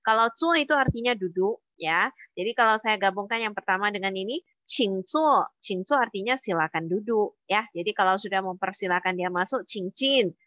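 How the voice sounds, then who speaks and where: A woman's voice: mid-range voice, moderate pace, fairly bright tone, no room sound, lo-fi sound. A woman teaching a Mandarin lesson online, explaining words step by step with patient fillers.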